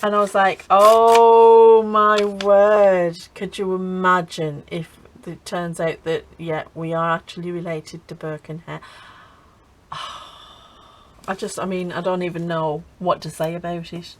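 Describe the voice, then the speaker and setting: A woman's voice: fairly low pitch, little pitch movement, unhurried, rough recording. A middle-aged woman chatting casually while crafting, laughing often and restarting her sentences. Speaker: craft channel host.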